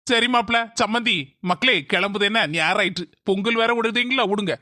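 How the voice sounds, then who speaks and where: Woman playing a gentle village father. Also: medium pitch, a little fast, no room sound, clean studio sound, close to an everyday voice. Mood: friendly. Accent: southern Tamil Nadu. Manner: soft-spoken, indulgent. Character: gentle middle-aged village father-in-law.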